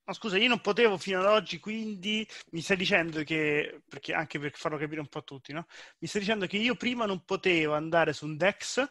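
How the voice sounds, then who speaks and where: A man co-hosting a casual panel podcast, telling stories and firing questions in an animated way. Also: sits high, brisk, no echo, studio quality. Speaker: podcast co-host.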